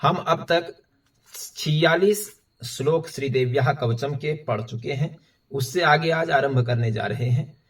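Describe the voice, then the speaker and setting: Man, recitation teacher, very slow deliberate delivery, slightly high voice, distant mic, indoor lesson. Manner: slow, syllable-by-syllable chanting of verses.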